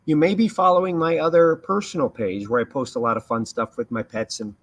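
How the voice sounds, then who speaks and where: A man's voice: on the high side, level tone, a little fast. A man giving live severe weather commentary as a livestream host, explaining emphatically and repeating key points. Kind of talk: live hurricane commentary over radar.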